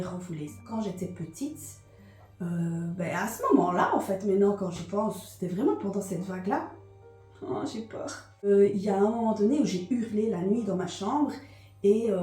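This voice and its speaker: A woman's voice: medium pitch, mellow, roomy sound. Hesitant woman with a Liège accent. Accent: Liège, Belgian French. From Belgium. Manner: hesitant, many fillers and repetitions. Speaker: vlogger. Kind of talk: casual confessional chat.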